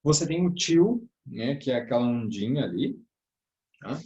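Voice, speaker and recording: A man's voice: medium pitch, animated, moderate pace, dark tone, dull audio. Man teaching grammar in an echoey room. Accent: southern Brazilian Portuguese. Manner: explains step by step, often ending phrases with "tá?" and "né?"; addresses listeners as "irmãos". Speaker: teacher of a church workers' course. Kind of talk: classroom grammar lesson.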